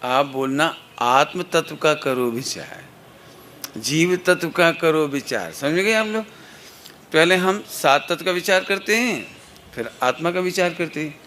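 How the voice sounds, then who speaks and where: A man's voice: on the high side, measured pace, sharp tone, a little hiss or hum. A man teaching at a children's camp, playfully coaxing the kids and counting out cues for call-and-response chants.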